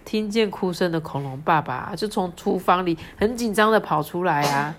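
A woman reading a picture book aloud to a child, chatty and lively with asides. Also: on the low side, moderate pace. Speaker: storyteller.

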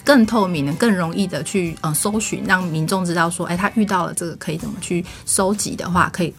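A woman's voice: on the low side, fairly quick, faint music behind. A woman, a charity office director speaking as an interview guest, earnest and often hesitating. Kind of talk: interview guest answering questions.

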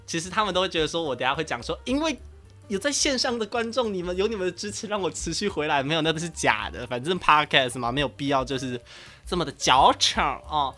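A young man in his twenties with a Taiwanese Mandarin accent, hosting a casual podcast and telling a story in a loud, animated, ranting way. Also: fairly high pitch, fast, soft background music. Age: 20s. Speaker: podcast host.

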